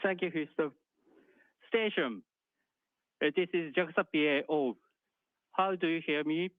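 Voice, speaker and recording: A man's voice: a little high, no echo. Polite man over a tinny radio link. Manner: polite, measured calls. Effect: radio comms link. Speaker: space agency public affairs officer. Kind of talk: formal radio call.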